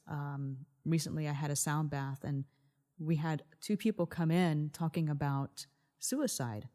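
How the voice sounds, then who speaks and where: A woman's voice: low-pitched, dark tone. A woman co-hosting a wellness podcast, explaining things earnestly in a conversational style. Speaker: podcast co-host.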